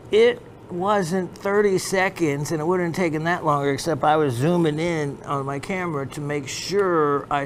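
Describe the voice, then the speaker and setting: A man's voice: a little high, a little hiss or hum. A man hosting a gemstone shopping show, giving a meandering educational sales talk full of fillers and restarts.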